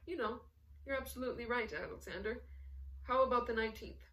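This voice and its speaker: A woman reading the lines of a genteel older man who teases his friend in a warm, chatty way. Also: fairly high pitch, fairly quick, recorded from a distance, dull audio, lightly acted.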